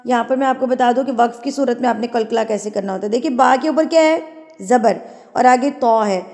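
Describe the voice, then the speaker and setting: A woman from Pakistan, teaching Quran tajweed: she recites verses slowly and measuredly, then explains the rules in quick talk. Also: on the high side, a little mellow, big-room sound.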